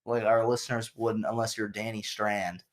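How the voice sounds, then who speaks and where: A man's voice: on the low side, flat delivery, normal speed. A young man co-hosting a casual podcast, laid-back and a bit hesitant, often trailing off. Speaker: podcast co-host. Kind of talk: casual chat.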